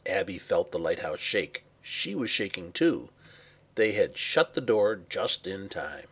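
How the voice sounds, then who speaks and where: Guy reading a kids story out loud, husky voice, really lively, drops to a hush sometimes. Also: low-pitched, unhurried. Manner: expressive, varied pacing with hushed passages. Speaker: narrator. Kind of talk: children's storybook read-aloud.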